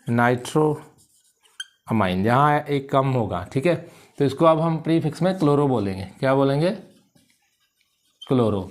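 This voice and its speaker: A man's voice: medium pitch, a little mellow. A male chemistry teacher with a Punjabi accent, lecturing at a board and drilling each point by asking a question and then answering it himself.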